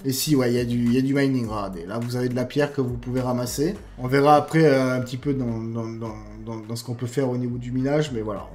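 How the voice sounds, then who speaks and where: This man's mid-range, darkish voice moves fast with hardly any pauses and fairly even intonation, over a slight hiss or hum. He's a YouTuber with a non-standard French accent, reviewing game mods as he plays, full of fillers and friendly asides to the viewers he calls guys.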